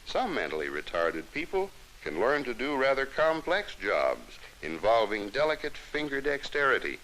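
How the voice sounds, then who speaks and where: An American man narrates over an old, faintly hissy early-1960s film soundtrack with poor audio. His medium-pitched voice is crisp and forward, with lively rises and falls at a moderate pace. He reads formally and instructively, in the style of that era's scripted educational films.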